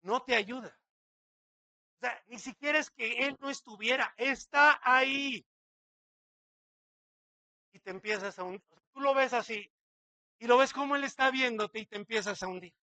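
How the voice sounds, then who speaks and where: A man's voice: very high voice, normal speed, long pauses, bright, forceful tone, no room sound. A man, a pastor preaching a sermon dramatically, acting out quotes and asking many rhetorical questions.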